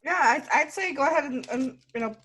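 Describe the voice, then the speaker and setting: Fast bright-voiced woman co-host. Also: high-pitched, expressive, slight background noise. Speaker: meetup co-host. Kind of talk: casual video call chat. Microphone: computer mic on video call.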